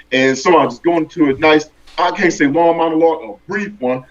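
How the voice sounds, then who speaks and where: A man telling a long story as an interview guest, acting out his own thoughts with lively bursts. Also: a little high, highs cut off. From American.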